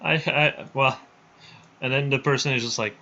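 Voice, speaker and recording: Bright-voiced man on livestream headset audio. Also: medium pitch, steady tone, normal speed, slight background noise. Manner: rambling, restarts often. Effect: livestream headset mic audio. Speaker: livestream host running a build showcase. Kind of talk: casual live-stream chat. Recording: dull lo-fi stream audio.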